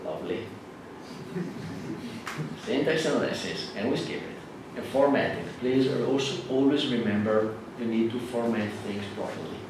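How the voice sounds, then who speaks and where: In a reverberant hall recorded from afar with noise, a native Italian speaker from Italy delivers a lecture to his class. His accent is Italian and his pitch medium. He hesitates often, filling gaps and restarting sentences.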